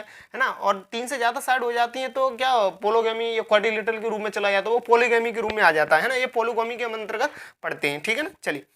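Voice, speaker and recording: A woman's voice: on the high side, a bit bright. A woman teaching a vocabulary lecture, repeating key words, asking herself questions and spelling words out letter by letter.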